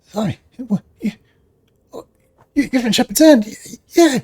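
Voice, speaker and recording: A man's voice: medium pitch, normal speed, darkish tone, breathy edge, natural voice. A man voicing a frightened male half-orc survivor who stammers urgently. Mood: alarmed.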